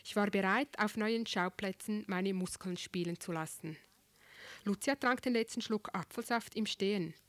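A woman reading a first-person story aloud in a wry, expressive storytelling manner, recorded on a close mic. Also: mid-range voice, moderate pace, no echo. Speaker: audiobook narrator.

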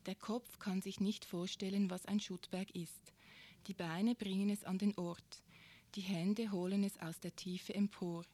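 A woman giving a measured, expressive literary reading. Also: mid-range voice. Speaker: reader.

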